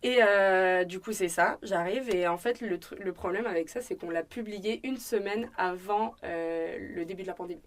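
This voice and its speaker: A woman's voice: medium pitch, moderate pace, hardly any pauses. A young woman with a French accent telling her story in a casual interview, chatty, with many fillers, acting out bits of dialogue. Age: young adult. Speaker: restaurant owner and student guest.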